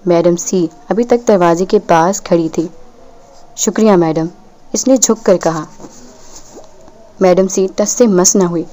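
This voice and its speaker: A woman reading a novel aloud as an audiobook narrator, in a steady, measured way. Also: lowish voice.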